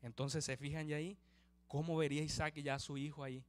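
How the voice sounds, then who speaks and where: A man's voice: a little high, level tone, brisk. A male pastor preaching a sermon, reading scripture aloud and dramatizing it with rhetorical questions to the congregation. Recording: live church stream.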